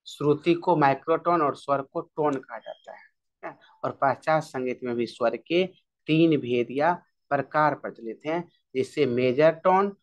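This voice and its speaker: Slow man drilling a music lesson. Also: medium pitch. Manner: slow, repeats key terms drill-style with frequent "theek hai". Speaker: music teacher. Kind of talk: exam-prep music lesson.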